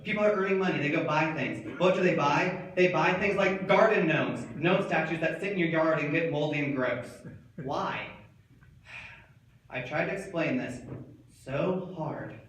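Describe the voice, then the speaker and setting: A man performing a comic stage monologue, telling a wild story and shouting the quoted lines. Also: a little high, measured pace. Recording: echoey room, far from the mic, some noise.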